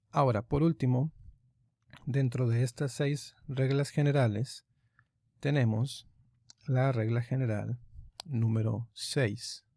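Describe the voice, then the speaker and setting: A man teaching an online lesson, explaining grammar rules patiently and step by step, pausing often with fillers. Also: mid-range voice, creaky, mellow, no room sound, studio quality. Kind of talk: online lesson on Greek accents.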